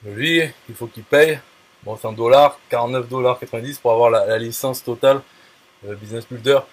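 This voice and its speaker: Talking a little fast at medium pitch, this affiliate marketer chats casually with a viewer. He's blunt, and his speech is full of fillers, restarts and crude slang.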